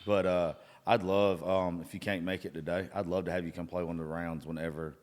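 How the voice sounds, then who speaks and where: Low-voiced hungover man, gushing and cursing. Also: flat delivery, a little fast, darkish tone. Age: 30s. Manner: gushing, rambling. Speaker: podcast host. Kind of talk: casual chat, profanity-laden. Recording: reverberant room.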